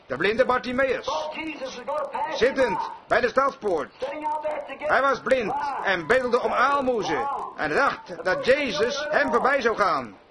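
A man's voice: very high-pitched, lively intonation, slow pace, crowd noise. A man preaching a sermon to a congregation in a church, telling stories fervently and emphatically. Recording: congregation audible behind.

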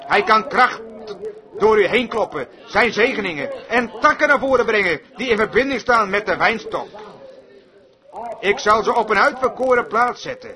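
A man's voice: sits high, animated, normal speed, crowd noise. A man preaching a sermon to a congregation in a fervent, rhythmic cadence.

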